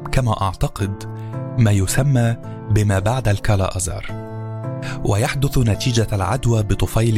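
A man narrating a novel in a calm, measured storytelling voice. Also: lowish voice. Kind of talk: audiobook narration. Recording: narration over background music.

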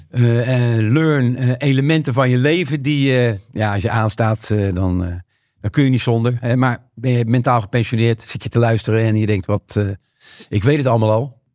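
A man's voice: medium pitch, dry recording, studio quality. A man from Rotterdam with a Rotterdam Dutch accent and a strained, worn voice, talking animatedly as a podcast guest and acting out quoted voices. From Rotterdam, Netherlands. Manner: animated, frequent tag questions, acts out quoted voices. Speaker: guest speaker. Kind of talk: podcast conversation.

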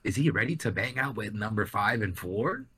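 Bright, low-voiced young frat-bro guy. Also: expressive, moderate pace, slightly rough. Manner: frat-bro slangy, profane, enthusiastic. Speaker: podcast co-host. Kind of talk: casual anime discussion chat.

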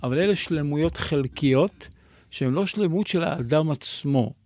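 A man, a rabbi and guest, explaining mystical teachings in a measured, teacherly way with rhetorical questions, recorded in a studio. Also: a little high, a little mellow, dry recording.

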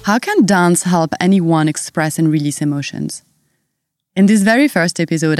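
A woman with a French accent, hosting a podcast and reading a measured, earnest introduction. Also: low voice, darkish tone, dry recording, studio quality. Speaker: podcast host.

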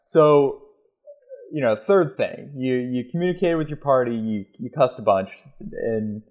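Chill dude talking shop, swears a bunch, medium pitch, casual. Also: male voice, a little slow, dull audio. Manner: relaxed, swears freely, talks through steps. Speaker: guest. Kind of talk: casual chat.

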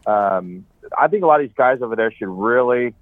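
A man's voice: mid-range voice, animated, brisk, no echo. A middle-aged man calling in on speakerphone from home, chatting in an easygoing, rambling way and chuckling now and then. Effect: on speakerphone over a phone call. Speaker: guest angler calling in. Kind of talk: casual chat. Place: his home. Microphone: cell phone on speakerphone. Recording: tinny dry phone line.

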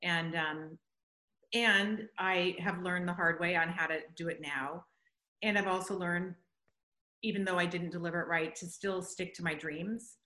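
A woman's voice: fairly low pitch, steady tone, unhurried, bright, forceful tone, reverberant. A woman in casual conversation as a guest, speaking in an earnest, reflective way about her business.

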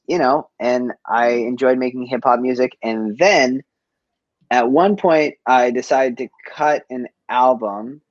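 In a casual conversational interview, a man from East Boston, USA, a chef and business owner, tells stories in informal slang dotted with "like." His medium-range voice is slightly mellow, and the recording is dry with dull audio.

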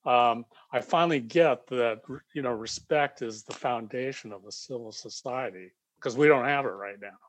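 Calm reflective male guest, dry. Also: mid-range voice, normal speed, few pauses, dry recording. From United States. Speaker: guest, leadership coach. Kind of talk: casual interview chat.

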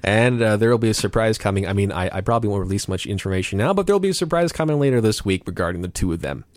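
A man's voice: on the low side, expressive, rapid-fire, no room sound. A man hosting a community radio show, chatting casually with a co-host and introducing songs, rambling with many fillers.

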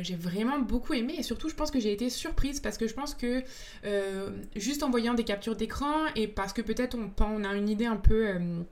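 A young adult woman, a podcast guest, talking about films in a thoughtful, enthusiastic way while she searches for her words. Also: a little high. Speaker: podcast guest, comics author and film student. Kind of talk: casual interview talk.

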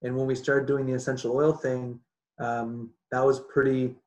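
Man, Canadian accent, podcast guest, casual, chatty, mid pitch, roomy echo. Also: flat delivery, moderate pace, a little mellow. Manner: chatty, laughs often, many restarts.

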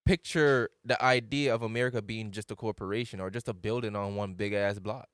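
A man's voice: on the low side, fairly even intonation, a little fast, a bit bright, no room sound, clean studio sound. A man in his late twenties, hosting a loose, rambling casual chat with plenty of slang. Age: late 20s.

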